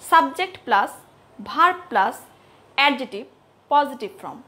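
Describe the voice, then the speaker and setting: Woman lecturer, high and animated, repeats example words slowly for her students. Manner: asks students questions and answers them herself, repeats example words slowly. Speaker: English lecturer. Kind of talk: classroom grammar lesson.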